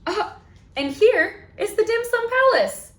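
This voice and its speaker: Speaking in an extremely high, animated voice and a little slowly, this children's librarian leads storytime for young kids. She reads aloud and chats in a playful, exaggerated sing-song, her words bouncing around an echoey room.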